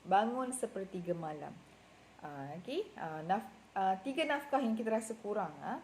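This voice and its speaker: A woman's voice: medium pitch, lively intonation, moderate pace, darkish tone. Woman, Malaysian Malay accent, middle-aged, casual advice talk, chatty with fillers, faint background noise. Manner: chatty, many fillers and self-corrections. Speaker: marriage and relationship advisor.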